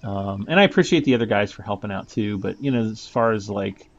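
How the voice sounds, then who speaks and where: A man's voice: lowish voice, lively intonation, a little fast, lo-fi sound. A man giving casual, rambling commentary over his gameplay, chuckling often between thoughts. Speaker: gaming YouTuber.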